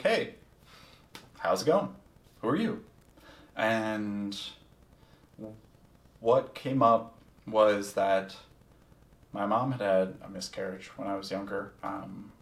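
A man's voice: low voice, gravelly. A man telling a personal story in a casual, candid way. He is reflective, swears freely and uses plenty of ums. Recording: echoey room, distant from the mic.

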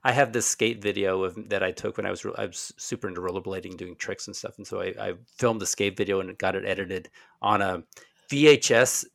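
A man's voice: low-pitched, fairly even intonation, a little fast, gravelly, fairly bright tone. A man with a Southern accent, a podcast guest, rambling through stories about himself. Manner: rambling, self-mocking storyteller. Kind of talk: casual chat.

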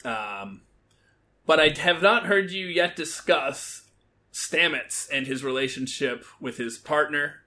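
Man, forties, fairly high voice, very bright tone, hesitant caller, lots of ums. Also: slow pace. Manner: hesitant, full of ums and restarts. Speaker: podcast caller. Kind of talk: casual chat.

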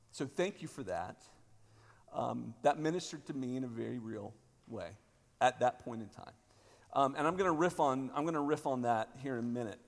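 A man in his thirties, a pastor, leading a prayer and then giving a halting talk with many fillers and restarts in a large church, his voice ringing in a cathedral echo. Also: mid-range voice, vocal fry.

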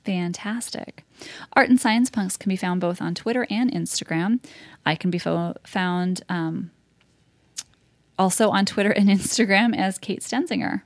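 A woman's voice: mid-range voice, normal speed, dry recording. A woman co-hosting a podcast, upbeat and encouraging as she wraps up the episode. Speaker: podcast co-host. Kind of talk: casual podcast chat and sign-off.

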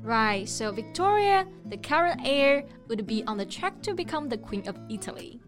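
Woman co-host for an English lesson podcast, fairly high voice, faint music under her. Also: big pitch swings, moderate pace. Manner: explains word meanings step by step. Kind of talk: bilingual language lesson.

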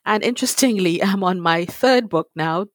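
A woman in her fifties from Trinidad, answering interview questions in a measured, thoughtful way. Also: mid-range voice, no room sound. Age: 50s. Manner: measured, thoughtful, with fillers and light laughs. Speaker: guest, author.

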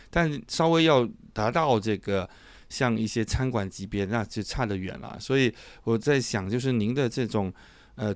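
A man's voice: mid-range voice, no echo. A man from southern China conducts a conversational interview, asking long, meandering questions with hesitations and modest asides. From Chaoshan, southern China.

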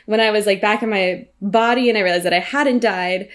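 A young woman in casual conversation, telling a story with animated voices, frequent fillers and laughter. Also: mid-range voice, fairly quick. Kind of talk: casual chat.

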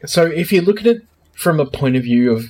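A man's voice: fairly high pitch, animated, a little fast, a little mellow. A man co-hosting a casual podcast, enthusiastic and talkative, explaining at length and laughing often. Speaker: podcast co-host. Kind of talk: casual chat.

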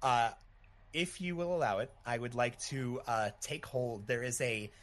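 A man playing a tabletop role-playing game, informally and haltingly describing what his character does. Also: mid-range voice. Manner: informal, hesitant, frequent "like".

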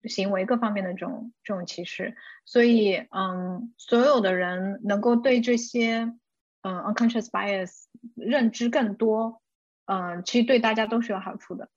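Brief: measured woman podcast guest who pauses to think, recorded dry and lo-fi. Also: mid-range voice, no echo. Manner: measured, pausing often with hums. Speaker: game industry executive guest. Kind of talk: podcast conversation. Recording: dry, dull lo-fi sound.

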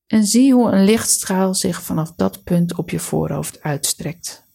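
A woman leading a guided relaxation meditation, giving calm, soothing, measured instructions. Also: medium pitch, creaky, slightly rough.

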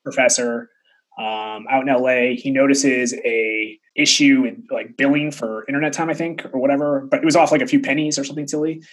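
Male tech guest, thirties, medium pitch with a rough husky edge, chatty anecdotal interview delivery. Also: steady tone, brisk, rough recording. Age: 30s. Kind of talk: casual storytelling in an interview.

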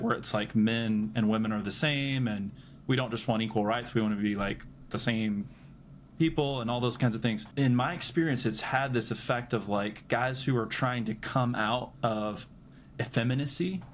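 Male podcast host, mid-pitched, affirming, asks long questions, faint hiss. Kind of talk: casual podcast interview.

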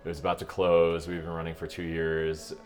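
Very deep-voiced man chatting casually. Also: a little fast, faint music behind. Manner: relaxed, rambling, with frequent "like" and laughs. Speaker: opera singer guest. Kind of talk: casual interview chat.

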